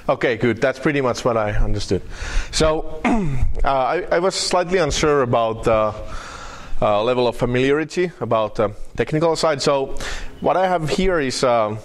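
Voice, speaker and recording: A man with a Finnish accent presents a technical talk to a user group. He jokes dryly and often stops to restart his sentences, in a voice of ordinary pitch. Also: expressive. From Finland. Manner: wry, halting, many fillers and restarts. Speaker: conference speaker.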